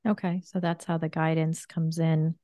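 A woman's voice: low-pitched, little pitch movement, normal speed, warm tone, no echo, studio quality. A woman hosting a conversational interview, putting questions to a guest. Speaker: interviewer, podcast host.

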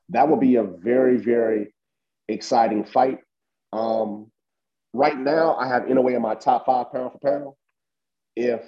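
A man's voice: mid-range voice, muffled recording. A man co-hosting a boxing chat show, talking casually and emphatically with lots of fillers. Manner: animated, emphatic, heavy use of fillers. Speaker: boxing podcast co-host.

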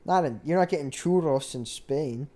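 A young American man with a relaxed, mellow voice that sits a little high for a man. He chats casually and slangily, like banter among close friends. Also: moderate pace. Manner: slangy, bro-heavy banter. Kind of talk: casual chat.

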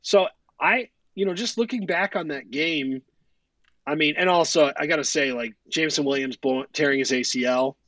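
A man co-hosting a sports podcast, telling stories in a rambling, profane, animated way. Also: fairly high pitch, moderate pace, no echo. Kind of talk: casual chat.

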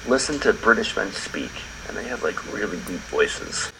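A man co-hosting a podcast in relaxed, rambling casual chat, with many fillers and restarts. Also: lowish voice, normal speed, vocal fry. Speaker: podcast co-host. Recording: air conditioner hum behind.

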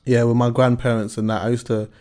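Young male host, relaxed slangy interviewer, mid-range voice. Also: medium pitch, fast. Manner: easygoing, frequent listening murmurs and slang questions. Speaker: podcast host. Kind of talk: casual podcast chat.

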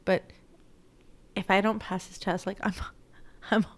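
Slow-talking chatty young Texan woman. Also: mid-range voice, flat delivery. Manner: chatty, emotional, laughs often, says "y'all" and "like". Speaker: teacher and vlogger. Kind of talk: casual weekly recap vlog.

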